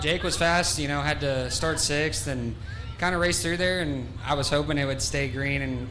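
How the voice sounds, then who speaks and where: A man's voice: mid-range voice, noisy background. A man who finished second in a race, talking in an easygoing, laid-back way in a post-race interview at an outdoor dirt track. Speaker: second-place race driver.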